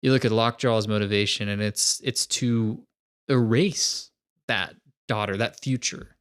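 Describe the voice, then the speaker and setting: A man's voice: lowish voice, fairly even intonation, a little slow, fairly bright tone, smooth. A man co-hosting a podcast, talking through a film in a thoughtful, hedging way. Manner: thoughtful, hedging, builds arguments. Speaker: podcast co-host. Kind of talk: casual film discussion.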